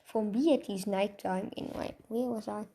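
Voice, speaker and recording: A woman's voice: medium pitch, steady tone, normal speed, warm tone. A tired woman improvising a fan story, rambling with many restarts and asides.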